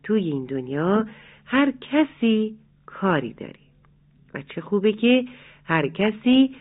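A storyteller narrating a bedtime story for children in a soft, tender way, calling the listeners dear ones. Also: mid-range voice, very animated. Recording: tinny phone-like lo-fi sound.

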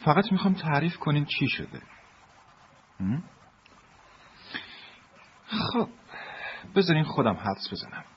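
A man voicing a kind adult who gently teases two children, in a dubbed film. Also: on the high side, very animated, pauses often. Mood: gentle. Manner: playful, gently teasing. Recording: dull lo-fi audio, faint hiss.

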